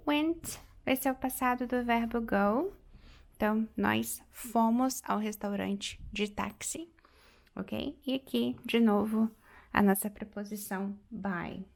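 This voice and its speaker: A woman in her thirties teaches an online lesson at an unhurried pace, walking through each point step by step. Her voice sits a bit high and carries a gravelly edge. She slows down further to repeat example phrases. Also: a little mellow. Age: 30s. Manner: explains step by step, repeats English phrases slowly. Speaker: English teacher.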